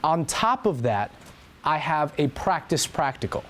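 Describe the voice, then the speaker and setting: A man's voice: a little high, sing-song, unhurried, a bit bright, a little hiss or hum. A young man teaching an anatomy and physiology lab review in a classroom, talking casually and repeating key points.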